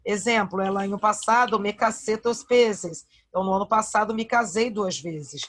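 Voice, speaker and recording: A woman's voice: medium pitch, moderate pace. A woman teacher with a Brazilian Portuguese accent giving an online grammar lesson, patiently repeating verb forms and checking in with her students.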